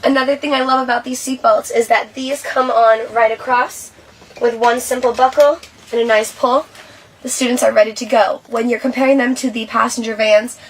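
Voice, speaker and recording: A woman's voice: fairly high pitch, steady tone, moderate pace. A woman presenting a safety training video, explaining and demonstrating to viewers in an instructional walkthrough style. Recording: distant mic, clearly noisy ambience.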